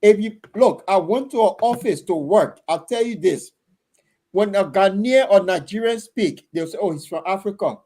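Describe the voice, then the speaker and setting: A man's voice: high voice, normal speed, dark tone. A middle-aged Liberian man hosting a casual discussion, telling blunt anecdotes in a Liberian English accent.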